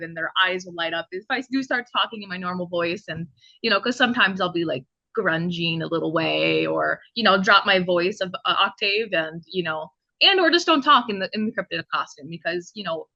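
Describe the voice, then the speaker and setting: Brief: chatty, laugh-prone woman guest, bright tone, dry slightly dull video-call sound. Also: mid-range voice, dry recording. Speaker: podcast guest, cryptid costume performer. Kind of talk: casual chat. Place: home, indoors.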